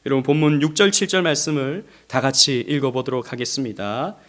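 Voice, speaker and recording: A middle-aged man from South Korea preaching a Sunday sermon as pastor, speaking gently and then building to emphatic stresses, sometimes acting out quoted lines. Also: mid-range voice, fairly quick. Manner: gentle, rising to emphatic, acts out quoted speech. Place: church sanctuary.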